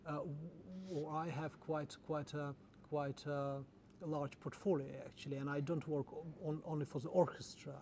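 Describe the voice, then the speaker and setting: This orchestra general manager grew up in the Czech Republic and stumbles through interview answers, often repeating himself. He speaks at a fairly high pitch with little variation and a slightly mellow quality, against a noisy background.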